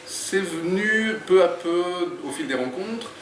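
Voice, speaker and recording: A man, an author, talking in an interview in a thoughtful, hesitant way with many pauses. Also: sits high, lively intonation. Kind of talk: interview and reading aloud. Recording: echoey room, distant mic, faint noise.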